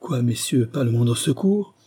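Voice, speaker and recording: A man's voice: medium pitch, expressive, unhurried, mellow, husky. A man voicing a terrified young man who pleads in despair, as in an audiobook. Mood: desperate. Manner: desperate and pleading. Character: panicked young man, terrified of being poisoned.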